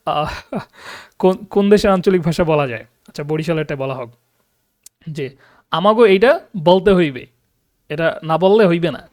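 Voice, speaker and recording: A man's voice: high voice, no echo, studio quality. A man giving an online class lecture as a teacher, explaining with many hesitant fillers and often checking that listeners follow. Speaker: Arabic teacher.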